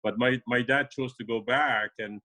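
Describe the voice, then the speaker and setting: A man's voice: mid-range voice, fairly even intonation, moderate pace, pushed and bright, low-quality recording. Hesitant man from Afghanistan. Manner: hesitant, many fillers and restarts. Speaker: immigration lawyer guest. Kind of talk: casual interview talk.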